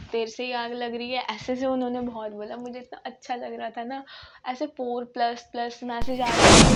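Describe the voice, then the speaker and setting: A young adult woman telling a casual storytime, blunt and slangy in an animated way. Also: on the high side. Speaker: vlogger. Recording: clear background noise.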